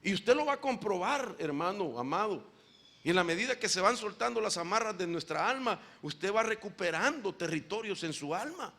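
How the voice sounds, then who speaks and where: Preacher, male, high and gravelly, bright edge, lively and animated sermon delivery. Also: moderate pace. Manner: animated preaching, often calling listeners "brother"; asks the audience questions directly. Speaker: apostle preaching to a congregation.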